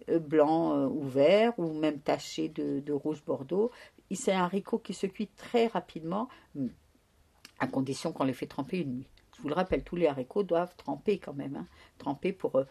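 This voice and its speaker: Low gravelly husky woman. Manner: chatty, lively, with frequent hesitations and restarts. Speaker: food presenter. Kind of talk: casual culinary explanation to viewers.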